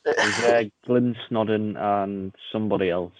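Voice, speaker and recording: A man's voice: on the low side, fairly even intonation, moderate pace, no room sound. A man, a podcast guest, talking in a loose rambling way full of fillers and jokes. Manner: rambling, filler-heavy, jokey. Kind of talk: casual podcast chat. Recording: dull lo-fi mic.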